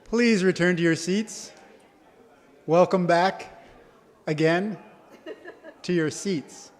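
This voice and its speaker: In a large hall thick with long reverb, a man emceeing a college convocation speaks slowly in a voice that sits high. He delivers announcements, laughing lightly while nudging people back to their seats.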